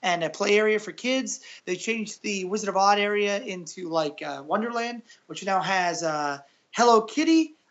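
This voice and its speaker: A man's voice: high-pitched, a bit bright, dull audio. A man chatting as a podcast guest, rambling with lots of uhs, ums and restarts. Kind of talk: casual podcast chat.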